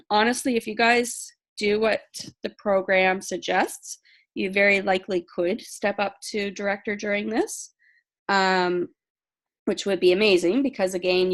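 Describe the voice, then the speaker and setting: A woman casually walking a sales team through program rules, reading questions aloud and answering them with frequent ums. She says she is losing her voice. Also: medium pitch. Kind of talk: casual training talk.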